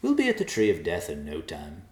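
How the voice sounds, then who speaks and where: A man's voice: deep voice, huge pitch swings, a little fast, darkish tone, echoey room. A man voicing a sly, mocking male talking vulture in a storybook reading, teasing and boastful. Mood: smug.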